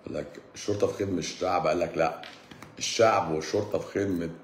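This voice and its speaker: A man's voice: low-pitched, steady tone, rapid-fire, roomy sound, slight background noise. A man with an Egyptian accent chatting casually on a livestream, teasing his viewers and laughing often. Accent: Egyptian Arabic. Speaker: livestream host answering viewers. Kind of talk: casual joking livestream chat.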